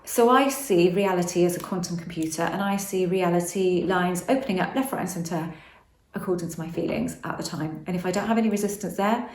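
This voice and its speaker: A woman's voice: on the low side, fairly quick, darkish tone, roomy sound. A woman vlogging about manifestation in a casual, rambling monologue, often restarting and correcting herself.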